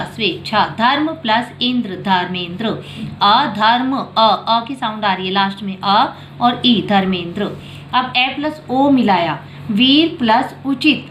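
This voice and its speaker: A woman's voice: a little high, a bit bright. Echoey woman teacher drilling vowel sounds. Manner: asks questions and answers them herself; drills vowel sounds slowly and repeats them. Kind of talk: explaining Hindi grammar to students. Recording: echoey room with faint background noise.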